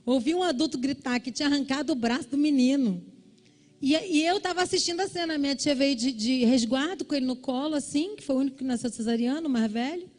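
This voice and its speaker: A woman pastor from Brazil preaching a sermon, telling a family story and acting out the shouting relatives in a high voice. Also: fast. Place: church service.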